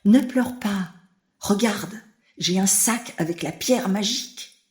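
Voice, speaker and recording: A woman's voice: medium pitch, slow pace, a little mellow, reverberant, lightly acted. A woman voicing a brave little male rat who believes he is an elephant, earnest and kind in a children's audiobook. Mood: cheerful.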